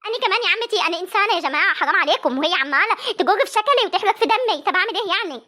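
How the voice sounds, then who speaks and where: A combative young Egyptian wife, played by a woman, taunts and complains at breakneck speed. Her voice is very high and bright. She quarrels with her in-laws in a comic family drama. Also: animated, racing, heavily acted.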